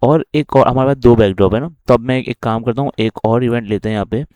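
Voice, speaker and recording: A man's voice: medium pitch, fast, mellow, dry recording. A man with a Pakistani accent teaching a coding lesson while recording his screen, walking through each step and often checking in with the listener.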